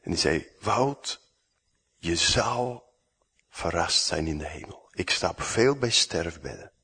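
A man preaching a sermon, acting out the dialogue and swinging from loud to hushed. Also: deep voice, breathy edge.

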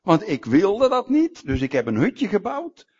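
Man doing an angry, sulking prophet, loud and indignant, husky, swinging pitch, dull lo-fi sound. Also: huge pitch swings, a little slow, heavily acted. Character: sulking prophet Jonah, male, angry and self-pitying. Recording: dull lo-fi recording.

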